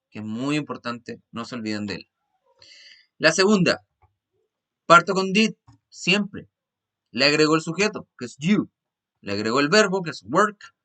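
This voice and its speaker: A male English teacher with a Chilean Spanish accent, explaining grammar patiently in an online class, often checking understanding and switching between Spanish and slow English. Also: on the high side, sharp tone.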